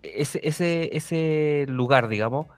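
A man with a Chilean accent, co-hosting a casual podcast chat, making his point haltingly with many restarts. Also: a little high, no echo, faint music behind. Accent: Chilean Spanish. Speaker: podcast co-host.

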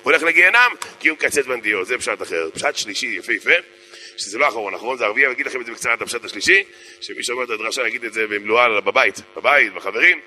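Sharp-voiced rabbi joking from the pulpit. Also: male voice, mid-range voice, expressive, faint music behind. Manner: joking storyteller, repeats phrases for emphasis. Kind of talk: humorous sermon.

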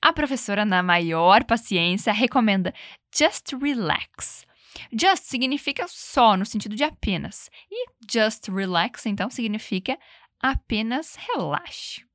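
A woman teaching English, explaining phrases and leading repetition drills, saying the English examples slowly and clearly. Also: mid-range voice, very animated, fairly bright tone, dry recording, studio quality. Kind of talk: language lesson with repetition drills.

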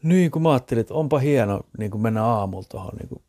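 A man's voice: mid-range voice, lively intonation, dark tone. A man co-hosting a podcast, chatting on a porch in an easygoing, joking way. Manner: easygoing, joking, laughs often. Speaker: podcast co-host. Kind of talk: casual chat. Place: outdoor porch.

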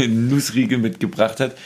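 A man's voice: mid-range voice, fairly even intonation, unhurried, darkish tone. A man co-hosting a podcast, chatting loosely and laughing often, recorded in a hotel room. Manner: laughs often, rambling storytelling. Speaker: podcast co-host. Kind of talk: casual chat.

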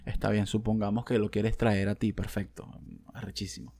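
A man with a Venezuelan accent doing a profane comedic rant. He sounds exasperated and crude, swinging from mutters to shouts. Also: on the low side, little pitch movement, moderate pace. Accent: Venezuelan Spanish.

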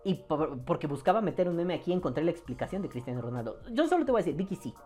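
A man with a Mexican accent hosting a podcast, reading viewer comments in casual, profane chat and jumping into high mock voices. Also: very fast, faint music behind. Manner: animated, swings into high mock voices, swears freely.

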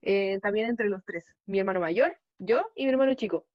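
A young woman with a Chilean Spanish accent, co-hosting a podcast in relaxed, casual chat. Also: medium pitch, normal speed, dry recording, muffled recording. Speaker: podcast co-host.

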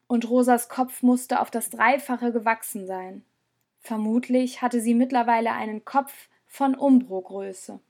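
A woman reading an audiobook aloud with even, measured storytelling. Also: on the high side. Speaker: audiobook narrator. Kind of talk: scripted narration.

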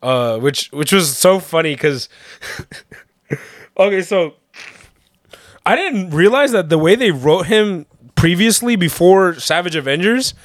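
A young man co-hosting a podcast in casual chat, excited and slangy, laughing often. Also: sits high, slow pace, no room sound, clean studio sound. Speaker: podcast co-host.

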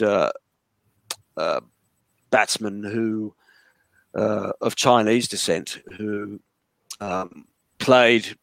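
A man's voice: medium pitch, no echo. Male interview guest, mid-range voice, dry close sound, rambling storyteller. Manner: rambling storytelling with frequent restarts. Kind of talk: conversational interview. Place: lives in a large city.

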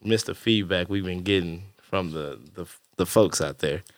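A man's voice: deep voice, moderate pace, dry recording, studio quality. Laid-back man, nasal with a cold. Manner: laid-back, profane, laughs often. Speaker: podcast co-host. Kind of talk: casual podcast chat.

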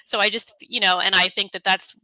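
A woman's voice: medium pitch, fairly even intonation, fairly quick, sharp tone, no room sound, rough recording. A woman hosting a conversational interview, thoughtful and hedging with frequent fillers. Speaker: podcast host.

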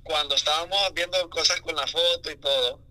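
Man, Honduran Spanish accent, very bright tone, candid, rambling storyteller, interview guest. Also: on the high side, steady tone, a little fast, rough recording. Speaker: music artist guest. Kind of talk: casual interview chat.

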